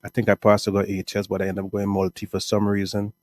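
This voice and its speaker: Guyanese guy w a lowish voice, chill rambly interview talk, keeps saying right?, dry close sound. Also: quick pace, no room sound. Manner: relaxed, rambling, frequent "right?" and "um". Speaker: music artist and producer. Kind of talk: casual interview answers.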